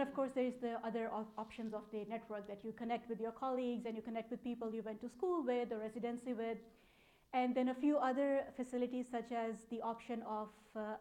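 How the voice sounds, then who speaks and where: A slightly high, mellow voice belongs to a thirty-something woman with a Pakistani accent. As a data analytics program manager, she gives an informal conference presentation in an explanatory, conversational manner.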